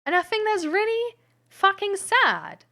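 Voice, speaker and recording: Young woman streamer, high voice, candid and rambling, lots of filler and restarts. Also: huge pitch swings, a little slow, creaky, sharp tone. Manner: rambling, frequent "like", restarts and nervous laughs. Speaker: streamer hosting a mental health talk. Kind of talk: candid personal storytelling.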